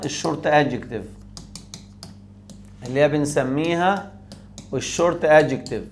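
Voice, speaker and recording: A man's voice: fairly high pitch, slight background noise. A man with an Egyptian Arabic accent teaching a recorded English grammar lesson. He explains step by step and answers his own rhetorical questions.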